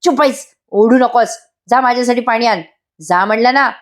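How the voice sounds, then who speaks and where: A woman's voice: a little high, normal speed, natural voice. A woman voicing a harsh, bullying middle-aged husband from a TV serial, scolding and giving orders. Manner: commanding, scolding.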